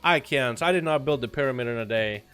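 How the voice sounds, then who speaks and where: A young man from Russia, with a slight Russian accent, streams a game and chats loosely with his viewers, joking around. He talks fast in a smooth, medium-pitched, slightly bright voice, with faint music in the background.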